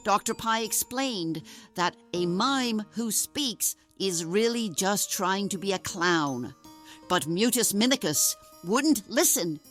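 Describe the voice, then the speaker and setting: Faint music underscores a woman's expressive, medium-pitched voice as she voices a wise and solemn carnival ringmaster for an audio drama. Her storytelling is grave, measured, and formal throughout.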